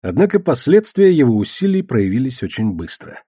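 Husky male audiobook narrator. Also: mid-range voice, very animated, brisk, mellow, no room sound, studio quality. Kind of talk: first-person audiobook narration.

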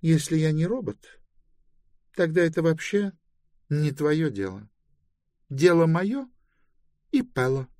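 A man voicing a self-assured young woman in an audiobook, answering with playful, sharp-tongued retorts. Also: a little high, very animated, slow, long pauses, no room sound, clean studio sound. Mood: teasing. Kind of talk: audiobook dialogue acting.

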